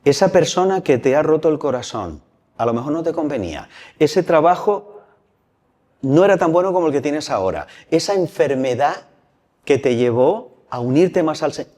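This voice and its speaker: A man's voice: fairly high pitch, animated, moderate pace, a little mellow. A man giving a colloquial, humorous religious talk to a youth gathering in a crypt. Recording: long hall reverb.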